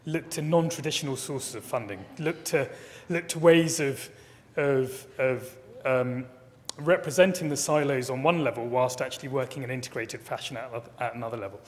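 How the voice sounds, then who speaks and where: A man's voice: mid-range voice, moderate pace. A middle-aged man, a keynote speaker, answering audience questions thoughtfully at a lectern, often repeating words as he builds a point. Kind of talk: conference Q&A answers. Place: large conference hall, at a lectern. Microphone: lectern microphone. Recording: long reverb of a hall.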